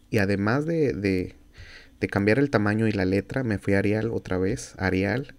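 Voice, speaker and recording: A low-voiced Mexican man with a gravelly edge, recording a screen tutorial at his computer. He explains each click step by step, stopping for fillers and small corrections. The delivery is that of a patient classroom teacher. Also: darkish tone. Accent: Mexican Spanish. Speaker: university instructor.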